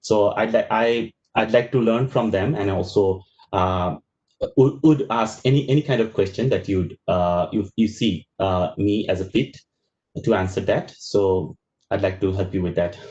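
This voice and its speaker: A man from Bangladesh, introducing himself as a master's student on a panel, halting and restarting words over a video call. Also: on the low side, a little mellow. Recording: muffled video call audio.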